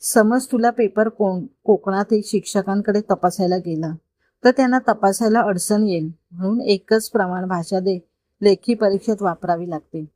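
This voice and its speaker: A woman's voice: medium pitch, normal speed, no echo, clean studio sound, close to an everyday voice. A woman voicing a kind, confident grown man who patiently coaxes a boy, in a read-aloud story. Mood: kind, coaxing. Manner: patient, gently persuasive explaining.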